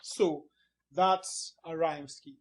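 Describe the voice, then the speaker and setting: A man with a high-pitched voice teaches poetry at an unhurried pace. He explains patiently and leans hard on single syllables to show where the stress falls. He marks up a board as he goes. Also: steady tone, slight background noise, rough recording. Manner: annotates a board or screen as he talks.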